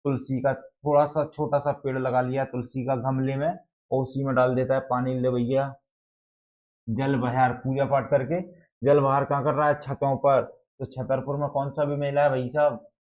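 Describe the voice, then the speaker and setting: A male teacher with a medium-pitched, darkish voice speaks at normal speed in a level tone. He explains exam facts using memory tricks, repeatedly asking the class questions in call-and-response fashion, and the recording sounds dull and lo-fi.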